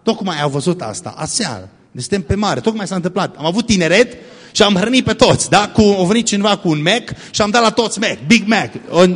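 A man giving a lively youth sermon, directing listeners as they act out a scene. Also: high voice, breathy edge. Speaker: youth preacher. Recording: echoey hall.

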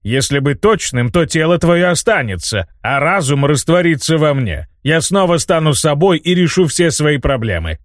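A man's voice: mid-range voice, big pitch swings, normal speed, no room sound, clean studio sound, close to an everyday voice. A man voicing a scheming, boastful old male mage who gloats and cackles, in an audiobook reading. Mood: gloating. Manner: gloating, theatrical, breaks into laughter.

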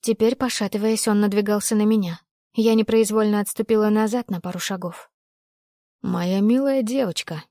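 A woman reading a first-person story aloud as an audiobook narrator, in a steady, measured storytelling manner. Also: mid-range voice, no echo, clean studio sound.

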